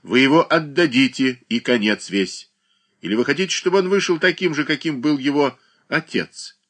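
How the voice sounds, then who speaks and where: A man reading an audiobook voices a stern, humorless gentleman who lectures curtly. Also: fairly low pitch, big pitch swings, normal speed, slightly rough, full character voice. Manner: curt, forceful, admonishing.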